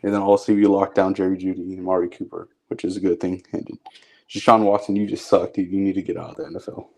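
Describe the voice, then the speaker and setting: A man's voice: deep voice, little pitch movement, fast, creaky, a little mellow. A young man co-hosting a casual sports chat, blunt and laid-back, trash-talking players. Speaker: co-host.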